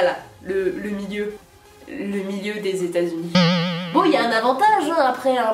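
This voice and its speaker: A young French woman vlogging in a chatty, playful way, filling her talk with little asides. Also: fairly high pitch. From France. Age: young adult. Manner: chatty, many fillers and "hein", playful asides. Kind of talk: casual chat to camera. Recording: echoey room, mic at a distance, faint music.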